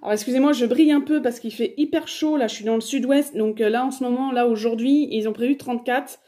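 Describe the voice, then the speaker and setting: A woman's voice: a little high, fast talker, dark tone. A woman in her thirties chatting casually through a shopping haul, hesitant and full of fillers. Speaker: haul vlogger.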